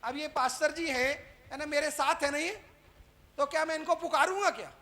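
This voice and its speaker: A man preaching a sermon to a live congregation, firing rhetorical questions at them and tacking a quick "right?" onto nearly every point, swinging between loud calls and quieter asides. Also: very high voice.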